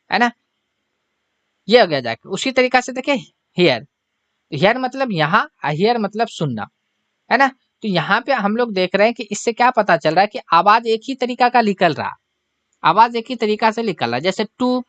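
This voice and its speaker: A man's voice: high voice, fairly bright tone, no room sound, dull audio. A man with a Bihari Hindi accent teaching an exam-prep language lesson, patiently explaining word pairs and checking in with "है ना?" as he goes. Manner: repeats "है ना?" often, patient explaining.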